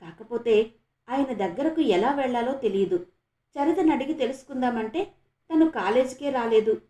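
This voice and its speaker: A woman from Andhra Pradesh reads a novel aloud in a steady, measured manner. Her voice sits high and mellow rather than bright, and the room gives it a noticeable echo. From Andhra Pradesh, India. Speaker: audiobook narrator. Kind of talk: scripted novel narration. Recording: echoey room.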